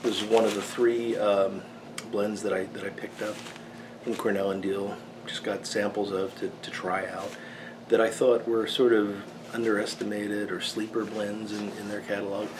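Fifties American man, lowish voice, casual review chat, halting delivery, noisy small workshop. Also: little pitch movement. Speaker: pipe tobacco reviewer. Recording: clearly noisy room background.

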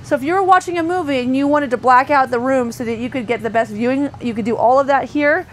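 Speaking fast in a high voice, a woman leads a thorough tour inside a parked motorhome as an RV sales associate. She talks chattily, full of fillers and self-corrections, over a faint hum of air conditioning.

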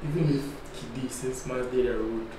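A Ghanaian man in his thirties, medium-pitched and at a normal pace, tells a travel story on a podcast in casual, Pidgin-tinged English. He's an animated storyteller who acts out the police voices. He sits in a dark studio at a boom-arm mic, and the room is echoey with a faint hum.

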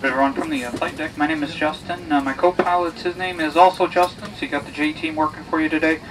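A man, an airline pilot, making an informal, halting announcement full of uhs. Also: fairly high pitch. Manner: relaxed, halting with frequent uhs. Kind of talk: informal flight deck announcement. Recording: distant cabin PA, faint noise.

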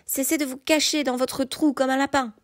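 A hot-headed male knight in full fury, flinging accusations in a high, strained voice, as a woman puts him on in an audiobook. The reading is close and dry, with no room sound at all. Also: steady tone, normal speed, no echo, lightly acted. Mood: furious. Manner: shouting accusations in a raised, strained voice.

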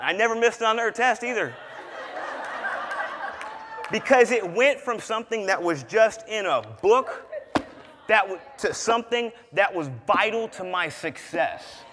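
A young man with a high, light voice preaches to a congregation, animated and building to shouts at his key points. His voice rings out through a large church sanctuary, with a long reverb trailing behind it. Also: background noise. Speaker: student preacher. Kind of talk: sermon.

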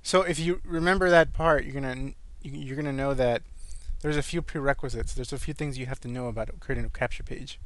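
A man with a mid-pitched, slightly wheezy voice presents an online tutorial in a casual way. He breathes a little hard and talks through each click informally as he goes. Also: fairly even intonation, brisk, few pauses, no echo. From California, where he lives. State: breathing a little hard after an asthma attack.

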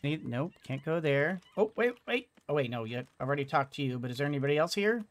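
A middle-aged man hosts a gaming video, his voice slightly high, animated and quick. He offers casual let's play commentary, hesitant and musing to himself as he plays. Game music sits behind his boom-arm headset mic.

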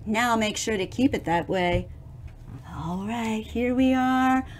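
Reading a children's storybook, this middle-aged woman speaks slowly with a fairly high pitch. She performs the picture book expressively for young listeners, drawing words out theatrically and adding friendly little asides.

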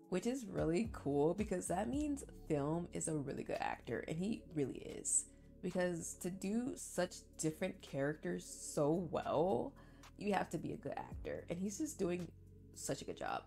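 A young woman who runs a reaction channel chats casually with her viewers from a small indoor bedroom, sick with the flu and sounding congested and stuffy-nosed. Her lowish voice has big pitch swings, vocal fry, and a darkish tone at an unhurried pace. Soft music plays in the background.

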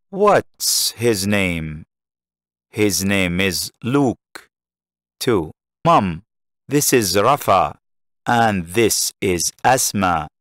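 Male teacher, lowish voice, unhurried. Reads English lines, then translates them. Dry, close sound. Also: fairly bright tone, no room sound. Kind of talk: textbook lesson with Arabic translation.

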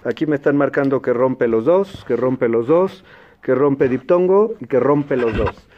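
A Mexican man with a Mexican Spanish accent hosts an educational quiz show, speaking clearly and patiently and repeating the answer options slowly. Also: medium pitch, slight background noise. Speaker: quiz host and teacher. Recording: dull lo-fi broadcast sound.

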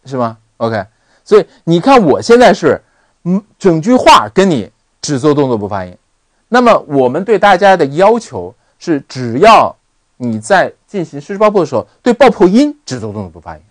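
Male online English tutor, animated delivery with a dry, close mic. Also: on the high side, normal speed, dry recording. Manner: animated, repeats words for drill. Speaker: English teacher. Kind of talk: online lesson.

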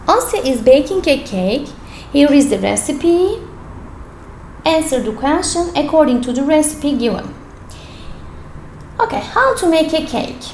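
This high, sing-song voice belongs to a woman whose first language is Turkish, walking through an English worksheet at her desk indoors and explaining every answer in turn. Her delivery is a little slow with frequent pauses and a darkish tone, and the echoey room carries a little hiss or hum.

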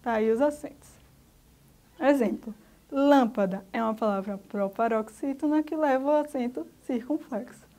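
A Brazilian woman with a high voice teaches a recorded lesson for young pupils. She goes patiently through each example, step by step. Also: moderate pace, warm tone. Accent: Brazilian Portuguese. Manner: patient, explaining step by step to children. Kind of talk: recorded remote school lesson.

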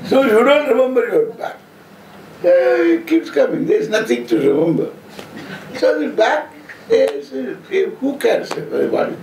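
This swami in his seventies has a high voice and a South Indian accent, giving an informal spiritual discourse while seated on stage before an indoor audience. He speaks unhurriedly in deliberate, halting phrases, with playful humour and very animated intonation. A stand microphone sits close in front of him, and the live room is noisy, with roomy echo and audible background noise.

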